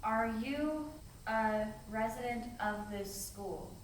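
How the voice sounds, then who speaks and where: Soft-spoken young woman in an echoey hall. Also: on the high side, slow. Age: 20s. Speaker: ghost-hunt team member. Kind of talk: calling out to spirits. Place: large old building indoors at night. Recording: echoey room, distant mic, steady noise.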